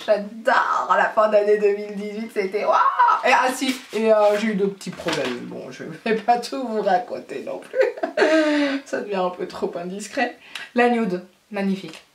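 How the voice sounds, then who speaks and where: A woman's voice: medium pitch, expressive, a little slow. Young woman, casual beauty haul chat, rambling with laughs, echoey room, distant mic. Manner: chatty, laughing, many fillers. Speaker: beauty vlogger. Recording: roomy sound from a distance.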